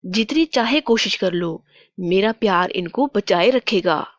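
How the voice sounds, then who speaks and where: Woman putting on a wicked cartoon witch, slow, mocking, half-whispered. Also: medium pitch, animated, no room sound, lightly acted. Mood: taunting. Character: wicked scheming female witch.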